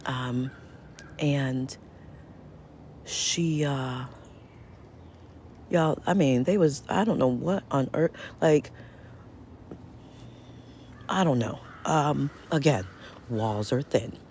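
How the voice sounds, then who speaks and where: A woman telling her story in a casual vlog from home, halting with many restarts and often dropping to near whispers. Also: a bass voice, darkish tone, a little hiss or hum. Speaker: vlogger. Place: indoors at home.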